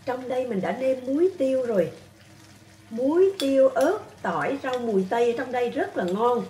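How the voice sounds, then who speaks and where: Vlogger, female, Southern Vietnamese accent, higher voice, casual chatty delivery, roomy echo. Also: lively intonation, normal speed, distant mic. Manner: chatty, coaxing her dog in soft tones. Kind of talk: casual cooking vlog chat.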